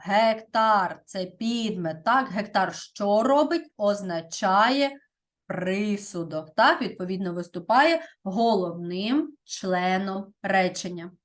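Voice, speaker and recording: A woman teaching a primary school grammar lesson, speaking deliberately and often checking in with "так?". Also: mid-range voice, lively intonation.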